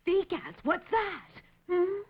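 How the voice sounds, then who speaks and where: A woman's voice: very high-pitched, lively intonation, drawn-out words, heavily acted. An actress voicing an eager young woman in a dubbed cartoon, earnest and breathless. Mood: curious. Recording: dull, noisy old cartoon dub audio.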